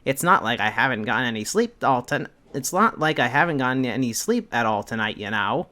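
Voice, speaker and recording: A man as calm, caring meerkat son Timon. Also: mid-range voice, brisk. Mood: calm, reassuring. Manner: calm, concerned, reassuring.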